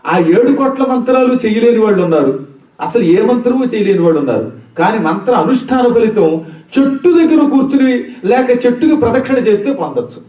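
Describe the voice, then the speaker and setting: A man's voice: extremely high pitch, very animated, fast, mellow, reverberant, recorded from a distance. An older man with a Telugu accent giving a scripture discourse, teaching in a questioning, demonstrating way. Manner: teacherly, demonstrates sounds, asks and answers his own questions. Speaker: religious discourse speaker.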